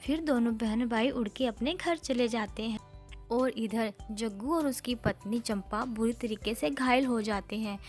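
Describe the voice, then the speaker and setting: Woman narrating a children's cartoon, high voice. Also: unhurried, soft background music. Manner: simple, plain storytelling.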